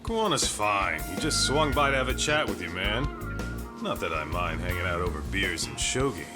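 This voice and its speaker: A laid-back, blokey detective's partner in a video game. His voice is low and lively in pitch, under loud guitar music. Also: normal speed. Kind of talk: English video game voice acting.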